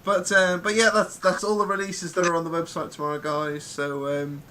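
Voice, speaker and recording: A man's voice: on the high side, little pitch movement, moderate pace, pushed and bright, a little hiss or hum. A man hosting a casual live chat, rambling with plenty of ums and restarts. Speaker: podcast host.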